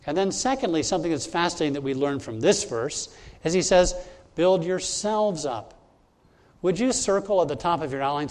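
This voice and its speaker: A man's voice: on the high side, a little mellow. A man who is a pastor, preaching a sermon to his congregation, emphatic and walking through his points one by one. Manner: emphatic, teaching point by point, addressing the congregation directly. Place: church service.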